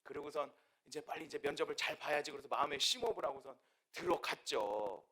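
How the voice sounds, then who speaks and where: Bright high-voiced Korean pastor preaching. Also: male voice, fast talker, husky. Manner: storytelling with lively quoted dialogue and rhetorical questions. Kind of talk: sermon.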